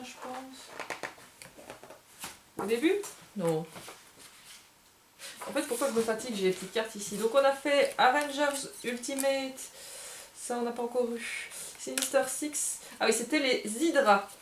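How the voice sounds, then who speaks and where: A woman with a slightly high voice talks a little slowly, leaving long pauses. She's hosting a casual unboxing video for a game bar, chatting, hesitating, and correcting herself as she sorts through cards. The room sounds spacious, with faint background noise.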